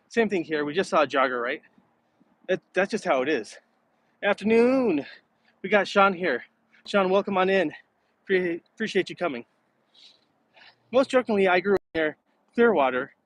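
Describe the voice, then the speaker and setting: Chatty American man streaming outdoors, higher-pitched voice. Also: fairly bright tone, low-quality recording. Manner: chatty, easygoing, reads out viewer comments and answers them. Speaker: live streamer. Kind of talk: casual live-stream chat while walking. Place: outdoors on city streets, walking. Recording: outdoor background noise while walking. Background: outdoor ambient noise.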